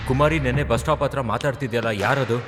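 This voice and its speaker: A man's voice: mid-range voice, fairly even intonation, fast talker, over loud music, natural voice. An actor playing a pleading, possessive young male student in a film drama. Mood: jealous. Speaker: lovesick student.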